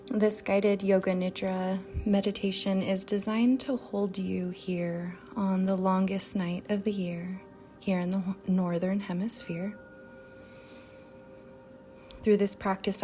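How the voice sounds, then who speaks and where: Over soft background music and a little noise, a woman leading yoga nidra narrates a guided meditation. Her medium-pitched voice is soft with a whispery edge, and she speaks gently and soothingly, pausing at length.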